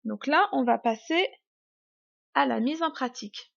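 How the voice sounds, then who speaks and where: Chatty woman teacher, fairly high voice. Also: lively intonation, vocal fry, no echo, dull audio. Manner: chatty, many fillers and restarts; slow exaggerated stress on example words. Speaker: English teacher. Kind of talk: YouTube pronunciation lesson.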